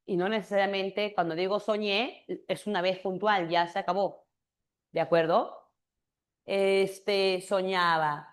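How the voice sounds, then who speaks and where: A woman teacher giving a grammar lesson, acting out little dialogues and slowing down to stress example words. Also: medium pitch, steady tone, smooth. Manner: acts out imagined student dialogues with quoted examples; checks understanding with tag questions. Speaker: language teacher.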